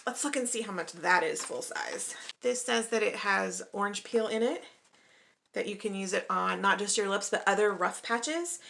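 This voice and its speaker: A young woman vlogger chatting casually as she unboxes beauty products, upbeat and quick to call everything exciting. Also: medium pitch, gravelly, a little hiss or hum.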